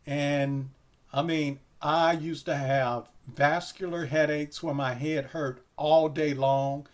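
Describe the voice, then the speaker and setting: A man hosts a casual interview, his voice sitting somewhat high for a man. He rambles easily, leans on fillers, and speaks straight to his audience. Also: slow pace. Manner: relaxed, rambling, many fillers like "you know"; addresses viewers directly. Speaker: host.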